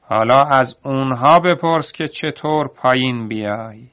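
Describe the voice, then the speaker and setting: A clever young laborer speaks in a calm, measured voice with a cunning edge, as a male storyteller puts him on. He sits in the middle of a spoken storybook. The recording is dull and lo-fi. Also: mid-range voice, natural voice. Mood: taunting.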